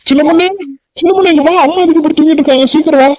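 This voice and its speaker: Cartoon kid put on by a man, high pitched and fast, anxious and pleading, dull dry sound. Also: fairly even intonation, darkish tone, lightly acted. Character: young village child worried about his mother.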